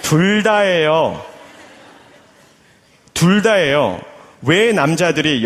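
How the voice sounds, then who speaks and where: A male pastor preaches to his congregation in an animated, questioning way. His voice sits high and swings widely from phrase to phrase. Long reverb from the church sanctuary trails behind him. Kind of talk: sermon.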